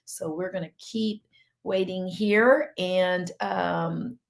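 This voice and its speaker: A woman's voice: on the low side, fairly even intonation, slow pace, vocal fry. A middle-aged woman physician with a Southern US accent, hosting a live online health session in a chatty, rambling way. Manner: chatty, rambling, laughs easily. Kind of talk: casual live-stream chat.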